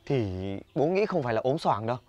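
A man playing gruff worried village father. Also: mid-range voice, sing-song, fairly quick, darkish tone, highs cut off, natural voice.

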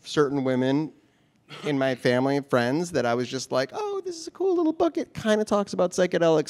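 A man speaking on a conference panel, talking in an animated, halting way and trailing off at the end. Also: medium pitch. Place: large conference hall.

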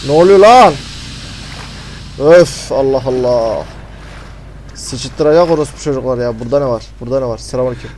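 A man commentating a horror game, panicky and swearing, muttering prayers and often dropping to a hushed voice. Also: medium pitch, brisk, pauses often, a little hiss or hum, poor audio. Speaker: gamer.

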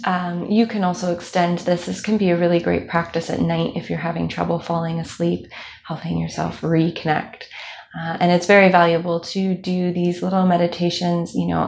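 A young woman instructor leading a calm guided body scan meditation, speaking slowly with soft fillers. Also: on the low side, creaky. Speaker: movement instructor.

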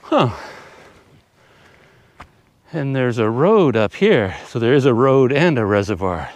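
A man's voice: mid-range voice, very animated, slow. A middle-aged man giving casual, unscripted travel vlog commentary outdoors, musing aloud as he goes. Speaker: travel vlogger. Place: outdoors on open countryside paths and roads.

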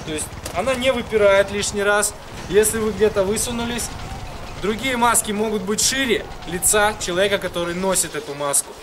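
High-voiced man talking through a face mask. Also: brisk, background noise. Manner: matter-of-fact, explanatory. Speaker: airsoft gear reviewer. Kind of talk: product review to camera. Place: outdoors in freezing weather.

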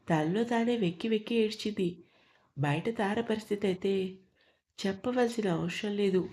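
Woman narrating an audio story, mellow. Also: medium pitch.

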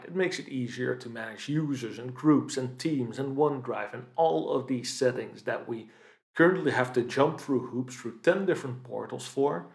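A young man presenting a product demo of his own software tool, explaining features with enthusiasm, some fillers and self-corrections. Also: mid-range voice, creaky, reverberant. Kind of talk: screen-share product demo.

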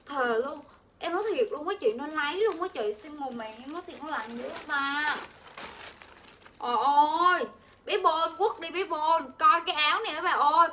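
A woman's voice: high voice, pushed and bright, slight background noise. A young woman, chatting nonstop and pushing deals to viewers on a live clothing sales stream. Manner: chatty, pushy, addresses viewers constantly. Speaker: livestream clothing seller. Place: indoors, home shop.

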